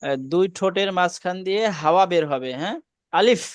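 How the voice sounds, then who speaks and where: A man with a high, smooth and resonant voice teaches Arabic letter sounds over a video call. He speaks patiently, repeating each sound slowly so students can echo it. The sound is dry and close. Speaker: Quran teacher. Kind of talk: online class, pronunciation drill.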